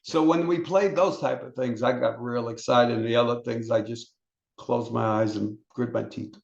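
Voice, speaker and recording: Gravelly man in a roomy, dull recording. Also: medium pitch, monotone, moderate pace. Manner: rambling storyteller with restarts and stammers. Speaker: interview guest, solo performer. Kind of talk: casual interview chat.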